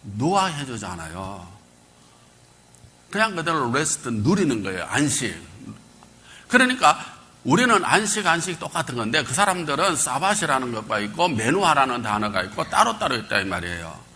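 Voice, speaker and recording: A male pastor giving a Bible lecture, quizzing his congregation and calling for answers, swinging between loud bursts and quiet asides. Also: mid-range voice, sing-song, moderate pace. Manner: quizzes the congregation, call and response.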